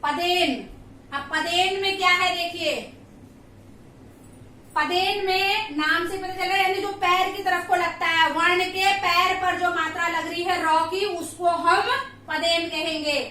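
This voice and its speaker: A woman's voice: extremely high pitch, fairly even intonation, measured pace, sharp tone, heavy reverb, distant mic, slight background noise. A woman teaching grammar, patiently repeating sounds and asking checking questions. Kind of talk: classroom lesson.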